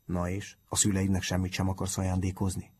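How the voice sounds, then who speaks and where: A man voicing a stern but kind middle-aged male schoolteacher, gruff and loud when he exclaims. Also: deep voice, completely flat delivery. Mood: gruff kindly.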